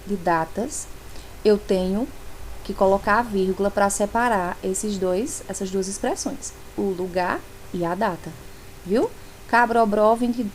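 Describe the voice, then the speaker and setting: A woman's voice: mid-range voice, a little hiss or hum, rough recording. A woman from teaching a grammar lesson in a friendly way, often checking that her students follow. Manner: friendly, frequent checks like "tá certo?".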